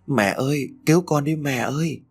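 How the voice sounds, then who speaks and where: A man's voice: medium pitch, moderate pace, breathy edge, voice pushed up. A man voicing the bloodied ghost of a young woman who wails and begs for help. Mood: wailing. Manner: wailing, pleading.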